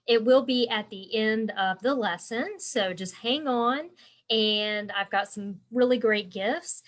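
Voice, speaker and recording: This embroidery teacher runs a relaxed live stream, her slightly high voice sounding blocked up and congested. She takes her time, chatting loosely and replying to viewers by name.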